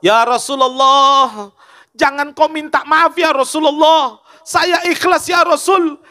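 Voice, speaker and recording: A devoted wife pleads in a raised, drawn-out voice, as a male preacher puts her on. Each phrase is slow and full of feeling, with a bright, ringing tone. This is storytelling within a sermon. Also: extremely high pitch, steady tone, voice pushed up, exaggerated voice. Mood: devoted, tearful. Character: grieving devoted wife pleading, adult woman.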